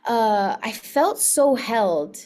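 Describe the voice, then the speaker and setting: A young actress from Miami talks casually as an interview guest, her voice sitting a little high. She chats freely, laughs often and leans on fillers like "you know what I mean.". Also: expressive, extremely slow, mellow, slight background noise. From Miami, United States.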